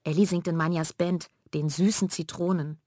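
A woman narrating a children's audiobook in a clear storytelling manner. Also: on the low side, steady tone, moderate pace, warm tone, dry recording, clean studio sound.

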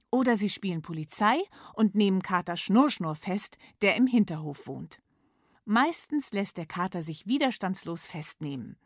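A woman narrating a children's story in a lively, clear storytelling manner. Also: fairly low pitch, dry recording, studio quality.

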